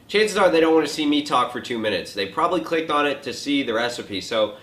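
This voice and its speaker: A twenty-year-old fitness vlogger hosts a casual Q&A from his home kitchen, answering viewer questions in a relaxed, joking way with lots of filler "likes." His mid-range voice is brisk, and the room sounds echoey.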